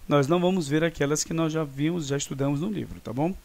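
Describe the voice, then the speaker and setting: A man's voice: a little high, fast talker, creaky, darkish tone. A Brazilian man teaching a grammar lesson online, explaining patiently and often checking in with his students. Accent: Brazilian Portuguese.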